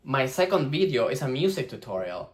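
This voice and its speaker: With a mid-range voice and fairly quick delivery, a young vlogger animatedly explains how to start a vlog channel. He swears freely and voices the algorithm in goofy impressions.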